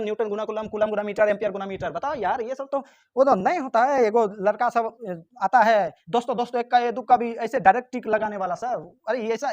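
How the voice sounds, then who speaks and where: A man's voice: sits high, highs cut off. A man teaching physics exam questions, teasing and scolding his students, sometimes answering for them. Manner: answers for students himself in their voice. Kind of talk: exam-prep lesson, question by question.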